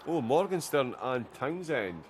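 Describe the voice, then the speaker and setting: A man's voice: medium pitch, sing-song, a little slow, a little hiss or hum. A man commentating a sim racing endurance stream, chatty and filled with "uh" hesitations as he reacts to the racing. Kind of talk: live race commentary.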